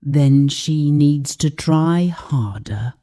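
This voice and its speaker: A woman storyteller voicing a stern, dismissive stepfather in a dark, slow storybook reading. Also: low voice. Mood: cold, scornful. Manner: curt and dismissive. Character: stern, cold stepfather, adult man.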